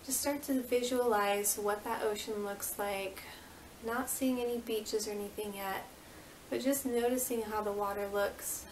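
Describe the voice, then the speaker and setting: A woman yoga instructor leading a guided meditation with soothing, unhurried, gently repeated instructions. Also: mid-range voice, steady tone. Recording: roomy, distant mic with faint noise.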